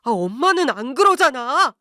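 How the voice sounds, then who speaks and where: A woman's voice: high voice, very animated, normal speed, pushed and bright, no room sound, voice pushed up, exaggerated voice. A woman voicing an earnest young adult son, pleading in a raised voice, dry recording. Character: young adult son defending his girlfriend.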